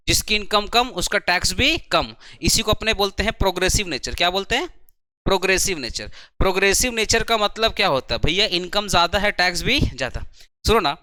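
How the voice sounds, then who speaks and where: A man teaching a commerce tax class at a coaching centre, chatty and speaking slowly, often repeating his questions to the students. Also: sits high, pushed and bright, no echo. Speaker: commerce tutor. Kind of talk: classroom lecture.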